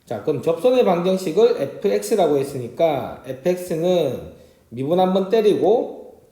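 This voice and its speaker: Animated male math teacher, roomy sound. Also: a little high. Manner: keeps checking in with students with quick tag questions; talks while drawing graphs on a board. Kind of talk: exam problem walkthrough lecture.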